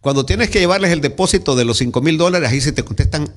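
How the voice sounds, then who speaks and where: Man, Salvadoran accent, pastor preaching, somewhat high, very lively pitch, theatrical delivery. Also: fast talker. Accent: Salvadoran Spanish. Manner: dramatic, acts out scenes and shouts cries. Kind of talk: sermon. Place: church sanctuary.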